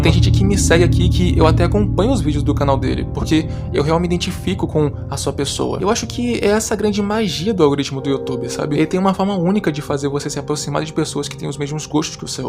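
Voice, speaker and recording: A teenage man from Rio de Janeiro with a Rio de Janeiro Portuguese accent, giving an earnest, motivational commentary voice-over. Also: on the high side. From Brazil. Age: teens. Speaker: YouTuber. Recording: voice-over with clear background music.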